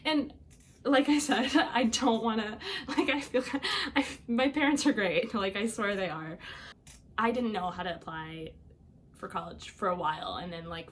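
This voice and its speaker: A young woman from Iowa in the United States, whose first language is Albanian, tells her life story as a podcast guest. Her voice sits a little low, and she talks casually with many fillers and light laughs. A faint ambient hum runs underneath.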